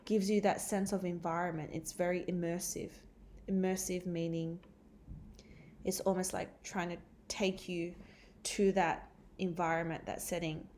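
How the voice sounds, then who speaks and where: A woman's voice: fairly low pitch, flat delivery, measured pace, darkish tone, a little hiss or hum. A woman teacher giving a recorded catch-up lesson, explaining step by step with frequent ums and uhs. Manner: explains step by step with many fillers.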